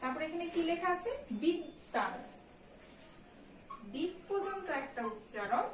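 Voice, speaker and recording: A woman, a college teacher, giving a recorded lesson. She explains slowly, step by step, and keeps checking in with her students. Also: very high voice, sing-song. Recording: echoey room, distant mic, faint ambient noise.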